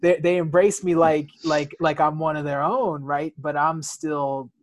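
With slight background noise, an American man with a fairly high, steady voice speaks a little slowly as a conversation guest. He shares candid personal stories, occasionally repeating words as he hunts for how to say things.

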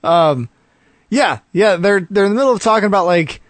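High-voiced man recapping with easy laughs. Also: expressive, normal speed, dry recording. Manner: chatty, laughs easily, lots of fillers. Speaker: podcast co-host. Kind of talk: casual chat recapping a wrestling show.

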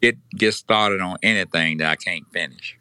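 A man's voice: deep voice, brisk, sharp tone, clean tone, dry recording, studio quality. An older man with a Tennessee Southern accent, chatting casually in hesitant, folksy phrasing. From Tennessee, United States. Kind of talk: casual chat.

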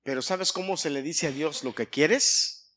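Male pastor, bright forceful voice, a bit high, emphatic preaching with throat clearing. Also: a little slow. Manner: preaching with emphatic swings in volume and pitch. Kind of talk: sermon.

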